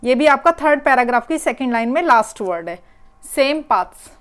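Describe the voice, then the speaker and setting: A woman's voice: high voice, lively intonation, a little fast, a bit bright, clean tone. A woman teacher, working through an exam paper step by step and repeating the key words. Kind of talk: exam paper walkthrough lesson.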